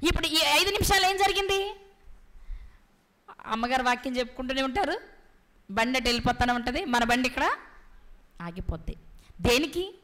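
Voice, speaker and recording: A woman preaching a sermon with a Telugu accent, asking rhetorical questions and pausing for effect. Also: high voice, animated, bright, forceful tone. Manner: rhetorical questions, dramatic pauses.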